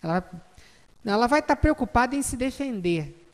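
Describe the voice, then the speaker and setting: A woman's voice: fairly high pitch, expressive, normal speed, big-room sound. A woman with a Brazilian Portuguese accent, lecturing a live group, explaining with examples and asking the audience questions. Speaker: instructor.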